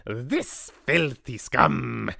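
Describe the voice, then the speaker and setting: A woman voicing a shrieking, imperious old witch leader in a storybook reading, with a shrill, hissing, theatrical delivery. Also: extremely slow, vocal fry, sharp tone, no room sound, studio quality, exaggerated voice. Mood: shrieking triumph.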